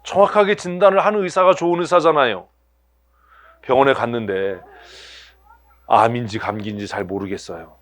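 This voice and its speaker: A man's voice: mid-range voice, moderate pace, pauses often, fairly bright tone. A male pastor preaching a sermon to his church, asking the congregation rhetorical questions and acting out everyday scenes in other voices. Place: church sanctuary.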